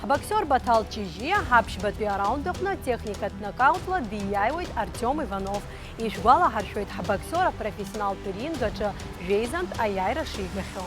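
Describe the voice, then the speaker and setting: A woman's voice: a little high, animated, moderate pace. A woman presenting sports news in scripted narration. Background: music.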